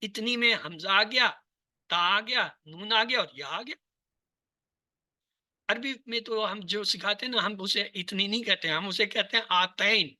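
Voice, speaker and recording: A man teaching a language lesson to an online class over a video call, drilling word forms one by one in steady repetition. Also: sits high, unhurried, no echo, studio quality. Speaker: Arabic teacher.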